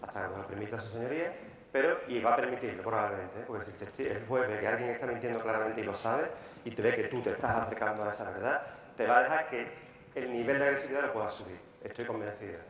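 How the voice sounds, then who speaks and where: A man with a Peninsular Spanish accent, a lawyer giving a live workshop lecture, talking briskly and repeating key words for emphasis. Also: on the low side, fairly bright tone. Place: large conference hall. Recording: echoey hall, faint room noise.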